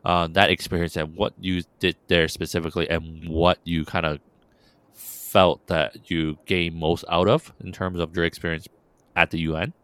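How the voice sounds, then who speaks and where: A man's voice: low voice, flat delivery, moderate pace, fairly bright tone, clear, resonant tone, no echo. A man hosting an interview, asking long rambling questions full of fillers. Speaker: interview host. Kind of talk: podcast interview.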